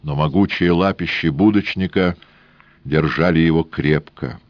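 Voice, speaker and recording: A man reading an audiobook in a measured, even storytelling manner. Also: a bass voice, no room sound, highs cut off. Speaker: audiobook reader. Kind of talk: scripted audiobook narration.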